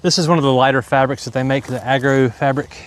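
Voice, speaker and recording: A man's voice: mid-range voice, steady tone, fast, slight background noise. A man with an Appalachian hillbilly twang, giving casual, folksy commentary as he works and thinks aloud on a livestream. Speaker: farmer livestreaming his work. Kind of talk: casual impromptu livestream commentary while working. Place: outdoors in a windy farm garden.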